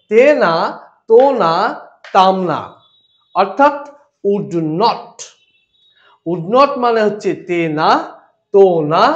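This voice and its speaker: A male English grammar teacher with a Bengali accent, explaining slowly and deliberately, repeating points and asking rhetorical questions. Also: high-pitched, dull audio. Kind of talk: grammar lesson.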